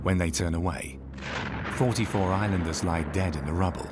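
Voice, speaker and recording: Deep-voiced male documentary narrator. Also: heavy background noise. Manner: measured, dramatic storytelling. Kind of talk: scripted narration. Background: music.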